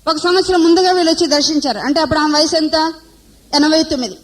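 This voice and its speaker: Female preacher with a high voice, addressing a women's conference and quizzing her listeners. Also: fairly even intonation, fast talker, rough recording. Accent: Telugu. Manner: asks the audience questions and answers them.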